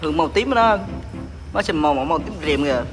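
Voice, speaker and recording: A man's voice: a little high, animated, fast talker. A young man with a southern Vietnamese accent chatting casually as a food vlogger over a meal at a restaurant table. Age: young adult. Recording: music behind the talk.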